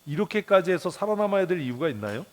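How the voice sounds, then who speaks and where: This church Bible devotional comes from a male pastor who is very animated, quick, and a little mellow. He talks bluntly and colloquially, fires off rhetorical questions, curses under his breath, chuckles, and now and then his pitch shoots up.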